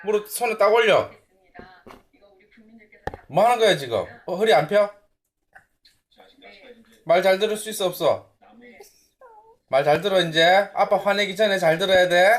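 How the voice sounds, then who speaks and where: A man's voice: high voice, normal speed, pauses often. Stern young father scolding firmly. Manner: stern, firm questioning. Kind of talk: casual home video.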